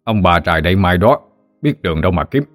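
A man doing a gentle deep-voiced grandfather. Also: expressive, fast talker, dry recording, faint music behind. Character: kind old grandfather healer, gentle.

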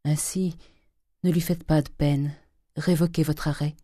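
A woman's voice: low voice, fairly even intonation, dry recording, clean studio sound. A woman doing a meek pleading older wife. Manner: soft, pleading, slow.

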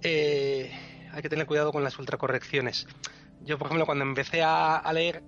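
A man's voice: a little high, flat delivery, normal speed, fairly bright tone, dull audio, faint music behind. A man patiently explaining pronunciation rules on a podcast, spelling out syllables one by one. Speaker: podcast co-host teaching Elvish pronunciation.

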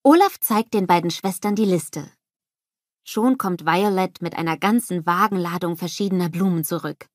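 A woman narrating a children's storybook in a scripted, expressive storytelling manner on a close studio mic. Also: fairly low pitch, normal speed, dry recording. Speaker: audiobook narrator.

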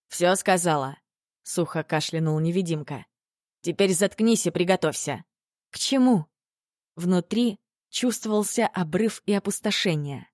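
A woman reading a story aloud as an audiobook narrator, in steady scripted narration. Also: mid-range voice, no echo, studio quality.

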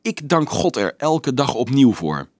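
A man's voice: mid-range voice, sing-song, measured pace, darkish tone, no echo, studio quality. A man voicing a proud, strong young hero who answers his accusers in a firm, defiant way.

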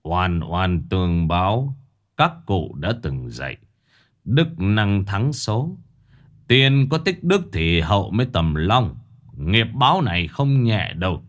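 A man doing a cold, slow blind old seer. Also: sing-song, full character voice. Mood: ominous. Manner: slow, low, emotionless and commanding. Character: cold blind old male fortune-teller.

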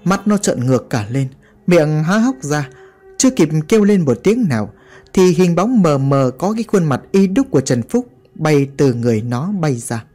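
Guy narrating a creepy horror tale, kinda high voice, dramatic delivery. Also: lively intonation, moderate pace, dark tone. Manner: dramatic, vivid storytelling. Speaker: storyteller.

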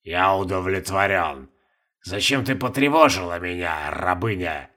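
A man voicing a creaky, ancient, imperious ruler. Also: sits low, animated, sharp tone, pitched below the performer's own voice, heavily acted. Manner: slow, curt, imperious. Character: ancient male ruler, shrivelled, cold and commanding. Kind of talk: audiobook character voice.

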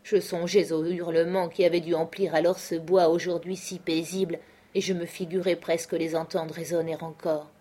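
A woman with a somewhat low voice reads a classic adventure novel aloud. Her delivery is measured and expressive, the steady pace of an audiobook narrator.

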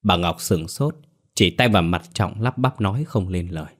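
Low-voiced male ghost-story narrator. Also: normal speed.

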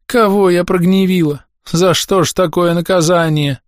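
A man voicing a lamenting, cursing old village woman with a whiny, shrill voice. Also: steady tone, normal speed, no echo, clean studio sound, natural voice. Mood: wailing.

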